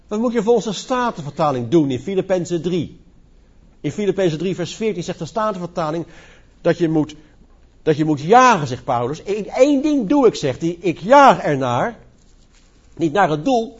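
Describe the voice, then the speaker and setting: A man's voice: sits high, a little mellow, slightly rough. A man preaching a sermon with an emphatic, rising and falling cadence, addressing the congregation. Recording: dull lo-fi church recording.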